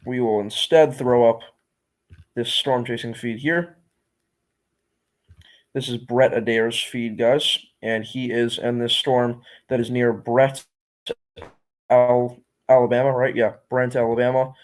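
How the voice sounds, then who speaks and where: A man's voice: medium pitch, little pitch movement, slow, long pauses. A man giving unscripted live storm-tracking commentary as a stream host, instructive and often repeating himself. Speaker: livestream weather host.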